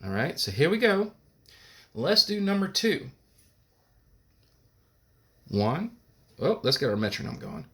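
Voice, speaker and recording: A man's voice: on the high side, sing-song, moderate pace, a bit bright, slightly rough. A man teaching a recorded music lesson. He talks patiently, explains each step and sings solfege syllables.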